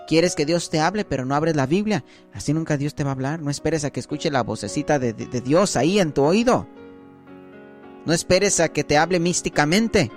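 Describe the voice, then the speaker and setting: Guy preaching, kinda high voice, keeps asking "right?", faint music behind. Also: a little fast. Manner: conversational preaching with frequent rhetorical "¿sí?" checks. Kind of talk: sermon.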